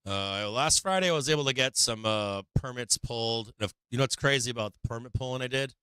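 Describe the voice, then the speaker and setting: A hoarse middle-aged man hosts a casual stock market livestream, rambling candidly and occasionally swearing as his voice gives out. He talks fast in a bright, forceful, mid-range voice, with no room sound.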